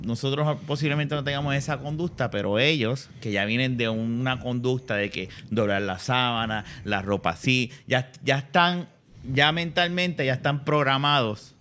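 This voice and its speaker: A man's voice: medium pitch, moderate pace, bright, forceful tone, a little hiss or hum. Blunt Puerto Rican man chatting. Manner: blunt, plain-spoken. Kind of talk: casual chat.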